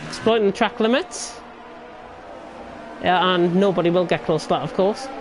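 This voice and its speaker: A woman's voice: on the low side, moderate pace. A woman giving live motorsport commentary, calling the racing action as it happens. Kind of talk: live motorsport commentary of an online league race. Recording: clear background noise.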